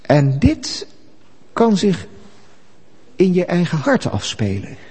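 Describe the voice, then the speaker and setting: A man preaching a sermon, emphatic and animated. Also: high voice, slow, husky, long reverb tail.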